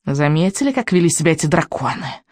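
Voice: mid-range voice, sing-song, fast, no echo, studio quality, close to an everyday voice. A reader voicing a spiteful, lying old witch with a crackling, hissing voice in an audiobook. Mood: ominous. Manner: hissing, theatrical. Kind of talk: audiobook reading.

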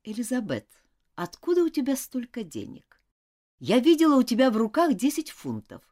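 A woman's voice: a little high, huge pitch swings, normal speed, darkish tone, pitched above the performer's own voice. A woman voicing a strict, indignant older schoolgirl who questions insistently in a storybook reading. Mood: serious.

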